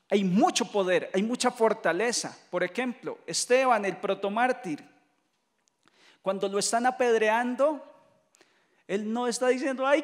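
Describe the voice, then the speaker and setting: High-voiced Colombian priest preaching in a reverberant hall. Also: male voice. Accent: Colombian Spanish. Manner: lively storytelling preacher who mimics voices and jokes. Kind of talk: retreat sermon.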